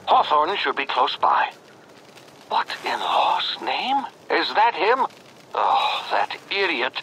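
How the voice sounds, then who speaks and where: An actor playing an eccentric, flustered scientist in a video game, muttering and halting theatrically over a radio-like link. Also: male voice, a little high, sing-song, bright, forceful tone, a little hiss or hum, heavily acted, rough recording. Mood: exasperated, offhand. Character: eccentric, flustered male scientist guiding a recruit. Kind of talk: video game character dialogue.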